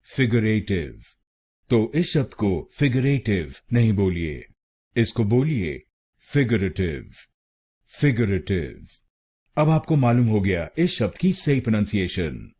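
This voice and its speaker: A man with a low, husky, mellow voice gives a scripted pronunciation lesson. He speaks very slowly and drills each syllable with lively rises and falls in pitch. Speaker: pronunciation teacher.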